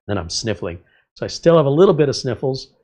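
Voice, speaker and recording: With a sing-song, quick delivery and a darkish medium-pitched voice, a slightly congested middle-aged man runs a casual livestream. He rambles through the chat and reads comments from viewers aloud.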